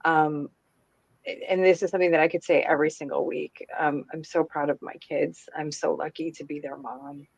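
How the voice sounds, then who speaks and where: A woman co-hosting a podcast, speaking earnestly and haltingly with many pauses. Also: low-pitched, fairly even intonation, creaky, breathy edge, highs cut off. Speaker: podcast co-host. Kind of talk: casual chat.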